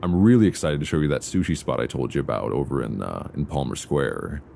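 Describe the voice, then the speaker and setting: An actor voices a playful, affectionate boyfriend aboard a luxury flight in intimate ASMR roleplay, his very deep voice full of vocal fry, expressive and exaggerated. He's cheerful and attentive, teasing gently at an unhurried pace with hesitant pauses, recorded binaurally up close with a faint background hum.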